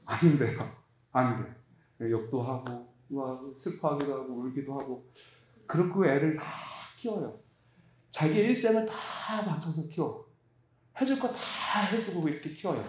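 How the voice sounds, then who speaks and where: A man's voice: measured pace, reverberant, slight background noise. A man preaching a sermon, telling a story with emphatic, rising delivery. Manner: storytelling, emphatic, rising to high excited pitch. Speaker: pastor.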